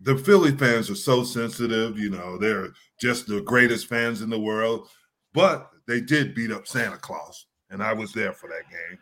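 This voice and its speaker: A man's voice: fairly low pitch, moderate pace, fairly bright tone. A man co-hosting a sports talk show in casual chat, joking and teasing. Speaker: co-host.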